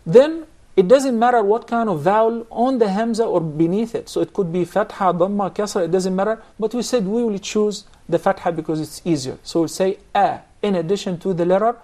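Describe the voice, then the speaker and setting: A man's voice: high voice, fairly quick, few pauses, warm tone. A man teaching a Quran recitation class, explaining points patiently and quizzing his students. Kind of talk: classroom instruction.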